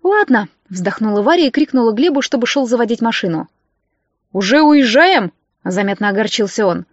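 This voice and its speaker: A woman's voice: on the high side, fast talker, no room sound, lo-fi sound. Woman reading a story aloud. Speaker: audiobook narrator. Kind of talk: audiobook reading with character voices.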